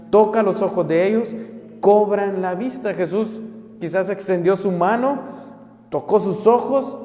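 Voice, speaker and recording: A man with a high but mellow voice gives an earnest Bible study sermon. He slows down to stress key phrases and often stumbles over fillers and repeated words. The sound is roomy, with a long hall reverb behind his voice. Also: slight background noise. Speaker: Bible teacher. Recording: echoey room with long reverb.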